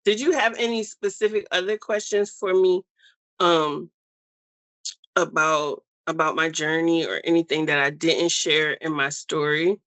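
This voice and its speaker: An American woman as an interview guest, speaking in a reflective, unhurried way with many pauses and fillers over a video call. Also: deep voice, a bit bright, dry recording. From United States. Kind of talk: personal story interview.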